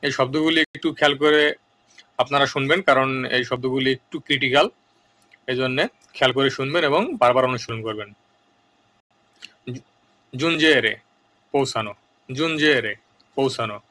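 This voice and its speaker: A man teaching a vocabulary lesson, saying each word twice in slow, deliberate drills with earnest advice between lists. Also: mid-range voice, fairly even intonation, sharp tone. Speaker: language teacher.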